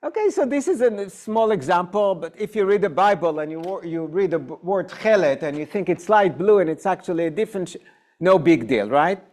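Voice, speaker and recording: In a synagogue classroom, a native Hebrew-speaking rabbi with an Israeli accent leads an informal Bible class for adults. His high-pitched, slightly mellow voice has lively intonation as he takes his time, explaining through questions to the class.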